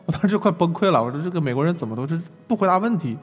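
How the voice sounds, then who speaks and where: Fast-talking man lecturing online. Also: on the high side, long reverb tail, highs cut off, faint music behind. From China. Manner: lively, self-mocking storytelling with laughs.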